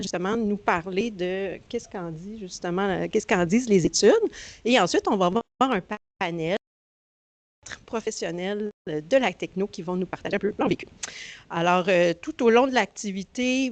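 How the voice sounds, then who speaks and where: A woman's voice: medium pitch, dry recording. A woman with a Quebec French accent hosting a conference with an informal, hesitant introduction, often searching for words. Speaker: conference host.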